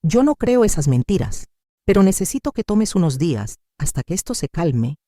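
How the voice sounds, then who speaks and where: A man's voice: high-pitched, sing-song, moderate pace, dark tone, no echo, clean studio sound. A woman voicing an uncomfortable, apologetic older man who owns a bakery, in a storybook narration. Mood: uneasy. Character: uneasy older male bakery owner, kindly.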